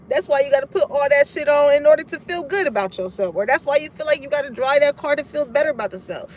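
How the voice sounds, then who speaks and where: This woman's voice sits high and moves fast and animated, with a faint hiss or hum on the recording. She's a tarot reader doing a casual, profane, no-nonsense reading for her collective audience, laughing frequently.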